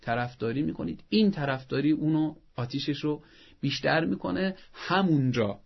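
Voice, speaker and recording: Brief: male parenting expert, a bit high-pitched and gravelly, earnest advice-giver, dull lo-fi sound. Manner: didactic, earnest, acts out parents' scolding in a raised voice. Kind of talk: advice talk on a show.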